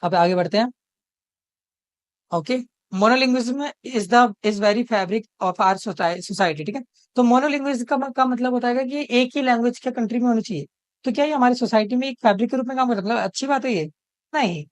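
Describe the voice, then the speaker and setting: A woman tutor giving an exam-prep lesson, reading quiz questions out slowly and checking in with the students after nearly every sentence. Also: on the high side, no echo.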